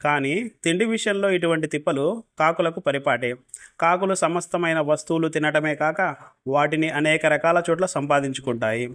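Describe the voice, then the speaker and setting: A man telling a folk story as scripted narration, steady and plain. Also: fairly high pitch.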